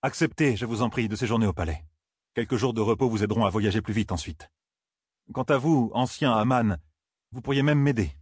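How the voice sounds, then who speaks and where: A man's voice: on the low side, a little fast, darkish tone, slightly rough, no echo, clean studio sound. A man voicing a polite, determined young man who speaks courteously but firmly.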